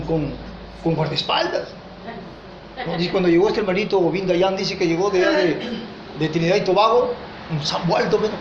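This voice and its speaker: A pastor with a Peruvian Spanish accent preaching a sermon with passion, swinging between loud peaks and low asides and often calling his listeners "brother". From Peru. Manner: addresses listeners as "hermano". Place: church hall. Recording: echoey church room, dull lo-fi sound, faint noise.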